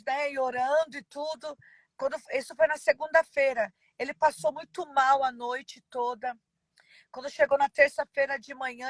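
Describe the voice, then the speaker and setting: A woman pastor giving a personal testimony in an interview, halting and emotional with many pauses and fillers. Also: sits high, no room sound, poor audio.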